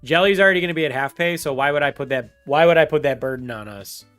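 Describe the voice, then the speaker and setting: Streaming a game, a man rambles through casual chat with his audience, laughing frequently and addressing chat directly. His voice runs on the high side and fairly bright, he talks fast, and faint music plays in the background.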